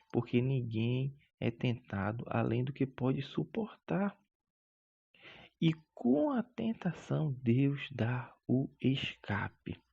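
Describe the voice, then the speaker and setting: A man's voice: medium pitch, vocal fry, slightly rough, lo-fi sound. A man teaching a Bible lesson as a Sunday school teacher, preachy and emphatic, stretching out key words and calling his listeners brother.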